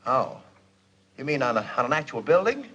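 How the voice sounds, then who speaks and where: An actor playing an excitable middle-aged businessman boss in a 1940s film, blustering and theatrical. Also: mid-range voice, fairly quick, husky, lo-fi sound, exaggerated voice. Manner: blustering, theatrical, swings from loud to hushed. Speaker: company boss. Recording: old film soundtrack with faint hiss.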